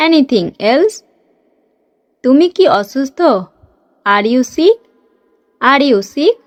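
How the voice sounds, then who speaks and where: Brief: high-voiced woman teacher, drilling short phrases in a dry close recording. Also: no room sound. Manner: reads each Bengali phrase briskly, then says the English slowly twice. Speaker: English teacher.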